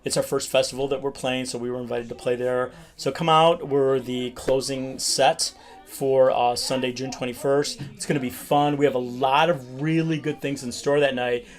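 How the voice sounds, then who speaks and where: A man's voice: mid-range voice, steady tone, normal speed. Enthusiastic male DJ guest. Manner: enthusiastic, uses filler "like". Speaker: DJ and record label guest. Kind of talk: casual interview chat.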